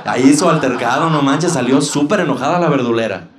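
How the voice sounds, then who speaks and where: A young Mexican man doing live stand-up comedy, crude and mocking, shouting punchlines to a laughing crowd on a club stage. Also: medium pitch, fast talker, reverberant, noisy background.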